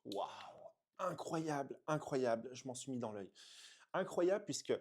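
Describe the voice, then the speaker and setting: French guy gushing over perfumes, lots of "euh" and wows, mellow darkish voice. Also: medium pitch, animated, a little slow. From France. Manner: gushing, exclamatory, frequent hesitations. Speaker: perfume reviewer. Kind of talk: enthusiastic unboxing review.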